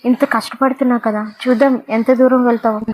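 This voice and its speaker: A woman's voice: on the high side, steady tone, a little fast, a little mellow, slight background noise, lightly acted, rough recording. A woman voicing an arrogant, cruel young male college student in an audio storybook, with a mocking, taunting manner.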